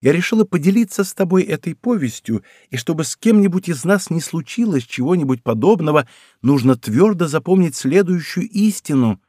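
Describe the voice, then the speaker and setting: A man's voice: lively intonation, brisk, darkish tone, breathy edge, dry recording, studio quality. A man reading an audiobook, voicing a young court lady who speaks with mocking irony. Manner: ironic, chatty, raised pitch. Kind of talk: audiobook character voice.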